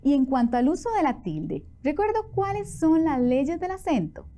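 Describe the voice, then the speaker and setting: Her voice is high-pitched and moderately paced as she teaches children on television. She speaks with a Costa Rican accent, posing questions and encouraging the kids with liveliness.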